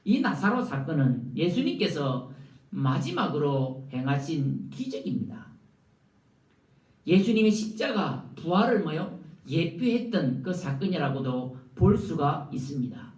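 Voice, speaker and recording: A male pastor preaching a sermon, often asking the congregation rhetorical questions and stressing words with big swings in pitch. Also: sing-song, a little slow, darkish tone. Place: church sanctuary. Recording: echoey church room, mic at a distance.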